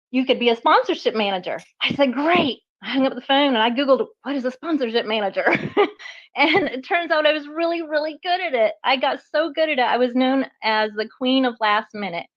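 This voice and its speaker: A woman chatting as a guest artist on a live online audio show, animated and self-deprecating, laughing often and a bit out of breath. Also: high-pitched, brisk, highs cut off. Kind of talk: casual chat on a live audio space.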